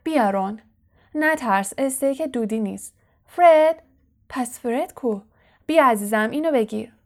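A woman voicing a warm, fussing middle-aged mother in an audiobook, calling out loudly. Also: a little high, natural voice. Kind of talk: audiobook character voice.

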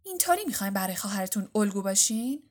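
Woman doing a stern mum, high, scolding, proud, storybook. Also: animated, creaky, a bit bright, full character voice. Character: stern, proud mother of many children.

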